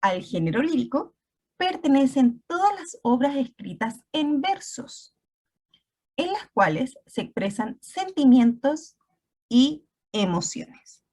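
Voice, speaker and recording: A woman's voice: high-pitched, big pitch swings, slow pace, dark tone. A woman teacher giving an online class, explaining step by step and often checking in with her students.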